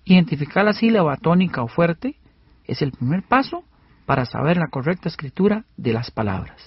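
A man co-hosting an educational radio lesson, explaining plainly and splitting words into syllables slowly. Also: on the high side, big pitch swings. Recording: dull lo-fi radio recording.

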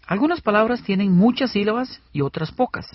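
Male radio co-host, plain explainer, husky voice, dry lo-fi broadcast. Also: high voice, animated, no room sound. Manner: explains plainly, breaks words into syllables slowly. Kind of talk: scripted educational radio. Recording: dull lo-fi radio recording.

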